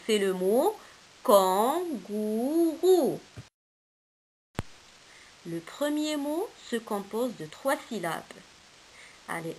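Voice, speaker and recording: A woman's voice: on the high side, slight background noise, poor audio. A woman teaching a kindergarten reading lesson, patiently sounding out letters and syllables one by one and praising the children.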